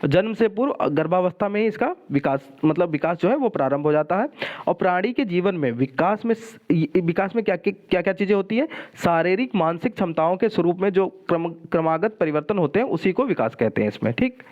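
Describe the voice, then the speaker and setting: A man's voice: sits high, animated, a little fast, highs cut off. A male teacher giving an exam-prep lecture, explaining step by step and checking in with "okay" after each point. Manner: explanatory, repeats "ठीक है" often.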